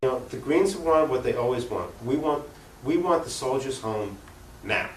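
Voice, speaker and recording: Recorded at a distance in an echoey room with faint noise, a man appears as an activist guest on a cable access show and argues politics without a script. His medium-pitched voice moves lively at a moderate pace as he presses his opinions and poses rhetorical questions.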